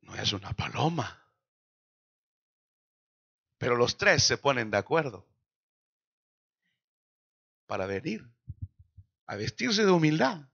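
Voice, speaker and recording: A man preaching a sermon in a church, slowing down dramatically for quoted lines. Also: mid-range voice, big pitch swings, vocal fry, a bit bright, slightly rough, muffled recording. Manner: dramatic preaching with slow emphatic quotations. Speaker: pastor.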